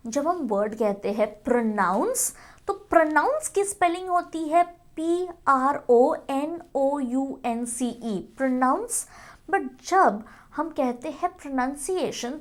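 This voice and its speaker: A woman with a high voice gives a spelling lesson, slowly and carefully spelling English words letter by letter. She switches between Hindi and English, and her unhurried delivery suits a patient tutorial. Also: lively intonation. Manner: addresses viewers as friends, frequent "okay". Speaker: English teacher.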